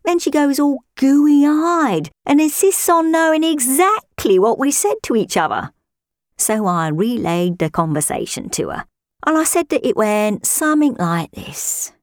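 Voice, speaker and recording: A woman playing a nosy, gossiping married woman who spies on her neighbour, chatty with dry deadpan asides. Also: high voice, unhurried, dry recording. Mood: gossipy. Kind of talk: comic character monologue.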